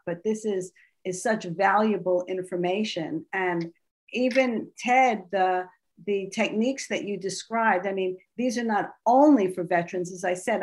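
Woman podcast host, mid-pitched, halting delivery with many restarts. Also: low-quality recording. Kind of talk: podcast interview.

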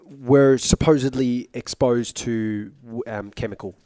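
A man's voice: medium pitch, steady tone, unhurried, mellow, dry recording. A man talks as a guest on a radio interview, joking and playful. He is from Iraq and works as a singer. The sound is close and dry. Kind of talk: interview conversation.

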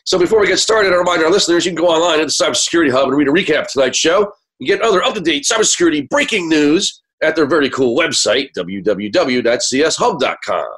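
An American man hosts a radio show in a conversational monologue. He is sick, and his voice is hoarse and keeps cracking. He carries on talking to his listeners as if nearly out of voice. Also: fairly high pitch, lively intonation, fast talker, few pauses, a bit bright.

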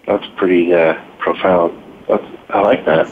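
A man's voice: deep voice, steady tone, unhurried. A middle-aged man, a father and podcast guest, telling stories earnestly in a casual chat, with lots of "you know". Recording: tinny phone-line sound with faint noise.

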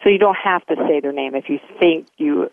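A woman's voice: deep voice, brisk, vocal fry. Woman explaining etiquette over a phone line. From United States. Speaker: etiquette expert guest. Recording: tinny phone line, dry.

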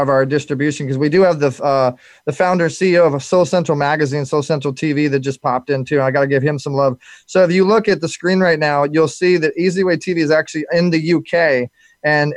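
A man's voice: on the high side, no room sound. A man hosting a live show, talking loosely with many fillers and repeated words. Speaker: show host.

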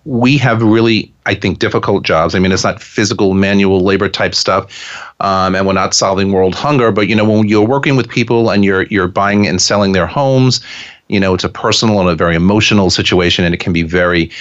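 A man's voice: sits low, steady tone, brisk, a bit bright. A man hosting a casual radio interview, rambling with many fillers and restarts. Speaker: radio show host. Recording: muffled lo-fi radio audio.

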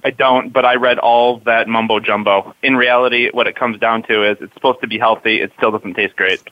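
A man's voice: mid-range voice, fairly even intonation, a little fast, no echo. A man calling in to a radio show, chatting in an easygoing way. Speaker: caller. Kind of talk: casual chat. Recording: tinny phone line.

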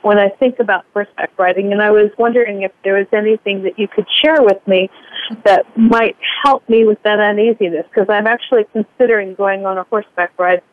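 A woman's voice: medium pitch, steady tone, a little fast, dry recording. Woman caller over a tinny phone line. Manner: hesitant, restarts and repeats words. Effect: thin clipped phone line. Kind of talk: casual call-in chat.

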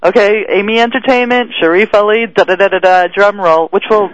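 High-voiced chatty male radio host. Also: fairly even intonation, brisk, a bit bright, dry recording. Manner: chatty, laughs often, teasing. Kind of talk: casual radio interview. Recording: dull lo-fi radio audio.

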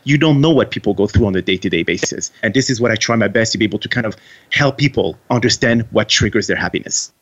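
A native French speaker from Quebec, Canada, with a Quebec French accent, answers interview questions in English as a guest author. He talks fast in a fairly low, fairly bright voice, and the audio is dull. He comes across as earnest, frequently restarting his sentences.

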